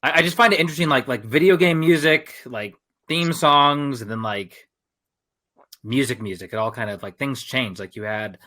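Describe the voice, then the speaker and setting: A man's voice: mid-range voice, normal speed. A man co-hosting a podcast, chatting casually in a rambling way full of fillers. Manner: animated, rambling with many fillers. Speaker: podcast co-host. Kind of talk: casual chat.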